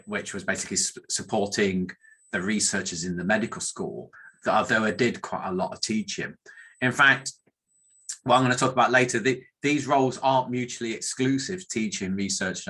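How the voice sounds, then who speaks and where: Fairly low in pitch, his voice sounds pushed and bright with a breathy edge. He's a middle-aged academic statistician with a northern English accent, from northern England, giving a rambling, self-mocking informal career talk and often starting sentences over.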